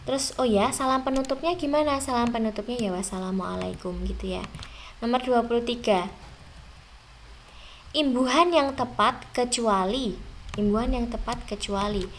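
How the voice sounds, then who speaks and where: A young woman teacher goes over exam questions with her students. Her voice sits a little high, and she slows right down on the words she wants them to remember. Faint noise hums under the recording. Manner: slow, drawn-out stressed words, addressing students directly. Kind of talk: exam review lesson.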